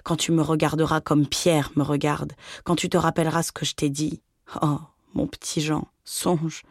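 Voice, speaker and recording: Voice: mid-range voice, flat delivery, normal speed, no echo, studio quality, close to an everyday voice. A reader voicing a middle-aged mother, weary and pleading in her shame. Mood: sorrowful.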